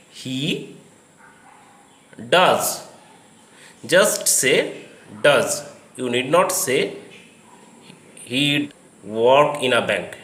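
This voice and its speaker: Man, English teacher, very slow deliberate delivery, roomy echo. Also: mid-range voice, fairly bright tone. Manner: slow, deliberate, explains step by step. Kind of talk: slow spoken English lesson.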